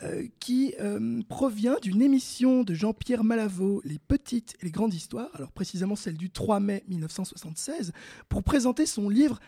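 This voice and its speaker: A male presenter leads a mock documentary in a soft, mellow tone with a husky edge. He hesitates often and fills his pauses with fillers. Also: high-pitched, expressive.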